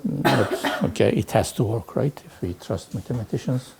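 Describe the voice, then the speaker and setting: A man lecturing on physics, working through exercises aloud in a halting way and peppering his talk with "okay" and "right". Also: medium pitch, expressive, vocal fry, noisy background. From Turkey. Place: lecture hall.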